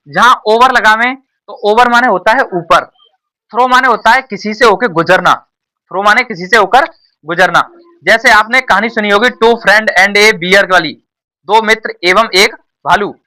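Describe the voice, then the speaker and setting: A man's voice: sits high, moderate pace, pushed and bright, distant mic. A man teaching an exam-prep lesson to a class, repeating each point and quizzing the pupils. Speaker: tuition teacher.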